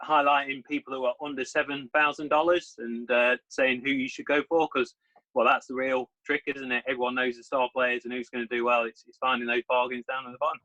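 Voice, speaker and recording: Man, 30s, relaxed guest chatting from home, bright tone through dull call audio. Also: medium pitch. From England. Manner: relaxed, modest, hesitant. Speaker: guest, sports writer. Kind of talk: casual interview chat.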